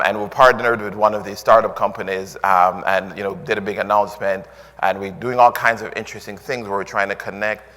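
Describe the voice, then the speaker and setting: A man's voice: fairly low pitch, sharp tone. A man with a Jamaican accent giving a conference talk, full of "um"s and restarts. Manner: filler-heavy, restarts often, earnest. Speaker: conference speaker. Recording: long hall reverb.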